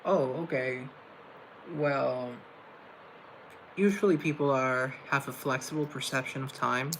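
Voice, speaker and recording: On a casual livestream, a young Colombian host rambles and muses while reading viewers' comments off his laptop. He speaks a little slowly in a steady, medium-pitched, fairly bright voice. Recorded on the laptop mic, the audio is low quality with slight background noise.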